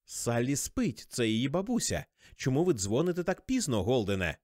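A cold, stern old grandmother, played by a male narrator, speaking slowly and with reproach. Her voice is dry and close, with no room sound, and her pitch rises and falls in lively swings. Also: no room sound. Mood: icy. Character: stern elderly grandmother, woman, icy.

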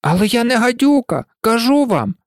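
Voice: medium pitch, sing-song, normal speed, dry recording, clean studio sound, pitched above the performer's own voice, lightly acted. A reader voicing a bewildered, polite little girl in a storybook recording, earnest and a little unsure. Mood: protesting. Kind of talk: audiobook reading.

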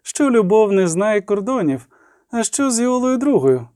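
A plump older priestess reflects in a warm, motherly tone, as a male reader voices her. Her voice is mellow and rises and falls freely. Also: high voice, big pitch swings, normal speed, dry recording, studio quality, pitched above the performer's own voice. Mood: wistful.

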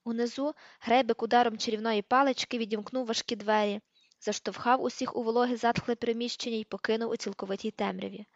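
Woman audiobook narrator, steady reading, slightly high voice. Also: fast, dry recording. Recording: dull lo-fi recording.

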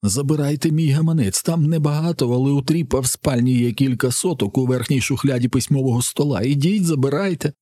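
A man voicing a tall, heavy young man who is panicked and sobbing, pleading in a high, whimpering voice. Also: a little fast, few pauses, mellow, no room sound, clean studio sound, natural voice.

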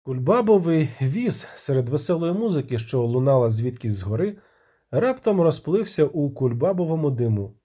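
A man's voice: a little high, sing-song, moderate pace, mellow, breathy edge. A man narrating a fantasy audiobook expressively, giving the characters voices.

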